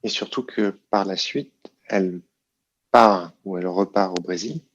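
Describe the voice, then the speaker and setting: A man hosting a podcast interview, speaking in a measured way with fillers as he sums up the case. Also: low voice, muffled recording. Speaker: podcast host. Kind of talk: interview questions.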